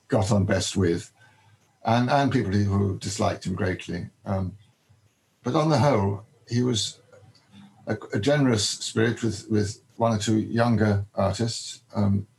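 Older man, gravelly, halting answers. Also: lowish voice, darkish tone, rough recording. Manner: hesitant, many ums and restarts. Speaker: biographer, interview guest. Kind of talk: conversational interview answers.

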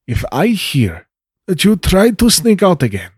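A man's voice: sits high, huge pitch swings, a little slow, breathy edge, no echo, studio quality, pitched above the performer's own voice, full character voice. A man playing a stern, commanding farmer father in his fifties in a tabletop game.

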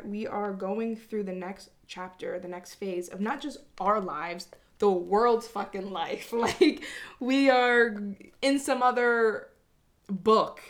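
A woman talking to her viewers in a reflective personal monologue, earnest and rambling, with casual swearing. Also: medium pitch. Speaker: vlogger.

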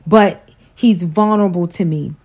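A woman's voice: lowish voice, moderate pace, a little mellow, breathy edge. A woman in her forties hosting a casual livestream about relationships, outspoken, profane and preachy as she lectures her viewers. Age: 40s. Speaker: host, wife.

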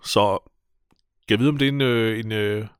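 Male co-host, lowish voice, dry close sound, retells scenes with gusto. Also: smooth, no echo. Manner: animated storytelling, plot retelling. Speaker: podcast co-host. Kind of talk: casual chat recapping a TV series.

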